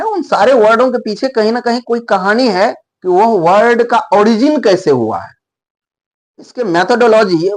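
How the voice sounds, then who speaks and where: High-voiced man teaching word origins. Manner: explains step by step, repeats words to model pronunciation. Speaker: English teacher. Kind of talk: explanatory video lesson.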